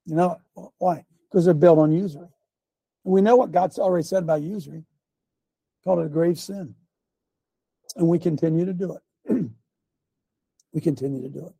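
Gravelly older man preaching with emphatic questions. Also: fairly high pitch, moderate pace, long pauses, dark tone, no echo. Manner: emphatic, repeats lines, fires rhetorical questions; clears his throat often. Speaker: show host. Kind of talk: preachy commentary.

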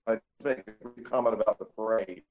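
A man calling into a live show over a breaking-up online connection, making his points in a halting list. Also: lowish voice, fairly even intonation, crowd noise. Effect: breaking-up online call connection. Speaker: caller. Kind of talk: call-in comment on a live show. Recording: choppy lo-fi call line, faint music.

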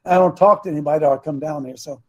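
An older talk show host with a raspy voice rambles and preaches about politics, clearing his throat and coughing between points. His voice is high for a man yet dark, husky, gravelly, and phlegmy, and he races along in a recording with the highs cut off.

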